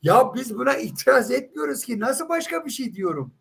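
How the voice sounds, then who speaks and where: A man's voice: very high-pitched, very animated, a little fast, creaky, husky. A man in a heated live religious debate, insistent and emphatic, pressing with rhetorical questions.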